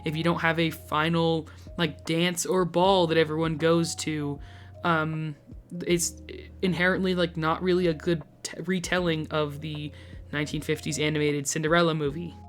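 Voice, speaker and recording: Hoarse man reviewing movies. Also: fairly high pitch, little pitch movement, normal speed, soft background music. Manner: candid, critical, chatty with frequent fillers. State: hoarse, recovering from flu. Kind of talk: movie review narration and casual to-camera chat.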